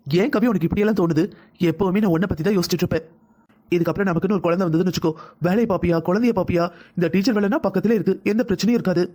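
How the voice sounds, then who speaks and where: A man's voice: sits high, racing, warm tone. A man voicing a cautious young husband in a family cartoon, firmly lecturing his wife. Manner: firm, lecturing. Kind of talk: cartoon voice acting.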